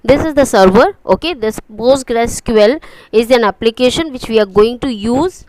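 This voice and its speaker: A woman's voice: a little high, expressive, moderate pace, darkish tone, no echo, poor audio. A woman with an Indian English accent teaching an online computer class, explaining step by step and often checking "okay?" with her students. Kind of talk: online lecture.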